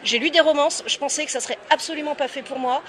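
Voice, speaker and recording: Speaking fast in a high-pitched voice, a young adult woman author answers interview questions as a guest. She is lively and candid, keeping things casual with plenty of hesitations.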